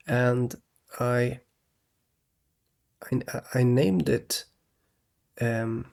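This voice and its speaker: A man from Sweden, rambling in a halting monologue to his viewers, restarting often and tagging "okay?" onto his points. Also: medium pitch, creaky, darkish tone. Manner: halting, many restarts, keeps adding "okay?". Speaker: vlogger.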